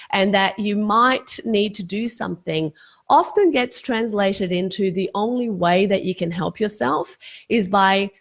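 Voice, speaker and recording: A woman hosting a live-streamed question-and-answer session as a fertility specialist, losing her voice and explaining things earnestly with frequent fillers and restarts. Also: mid-range voice.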